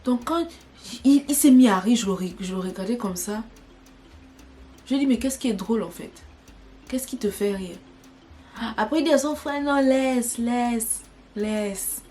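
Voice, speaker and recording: A young woman telling a personal story in an animated, dramatic way for her vlog. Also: on the high side, normal speed, long pauses, soft background music. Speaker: vlogger.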